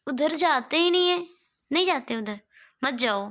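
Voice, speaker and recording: A woman with a high, light voice coaxes her pet parrot at home, slowly and fondly, in a sing-song way. She keeps repeating pet names. The phone recording has clear background noise. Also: animated. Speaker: pet owner. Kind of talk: coaxing talk to a pet parrot.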